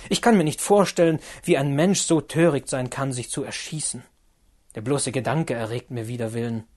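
A man's voice: medium pitch, normal speed, close to an everyday voice. A man voicing a sober, reasonable young man who argues in a firm, matter-of-fact way in an audiobook reading. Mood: firm, impatient.

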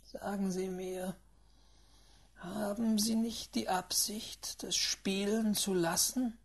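A stern, reserved Englishman in an audiobook, as a reader puts him on, speaking in a low, breathy half-whisper. Every word comes slow and weighed. The tone is grave and earnest, never raised. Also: steady tone. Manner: hushed, half-whispered, measured delivery. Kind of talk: audiobook reading.

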